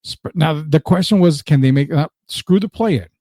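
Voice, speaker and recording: Speaking at a normal speed in a slightly high, dark-toned voice, this Puerto Rican host talks sports in Spanish on a casual show. He reads viewer comments aloud and hammers his arguments through repetition, with clean, echo-free studio audio.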